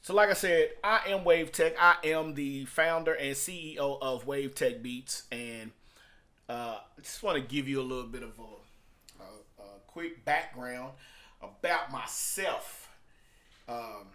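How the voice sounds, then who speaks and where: A music producer and entrepreneur hosts a casual, unscripted vlog monologue in a bright, forceful, mid-range voice. He speaks haltingly, repeats himself for emphasis, and swings between subdued and hyped delivery.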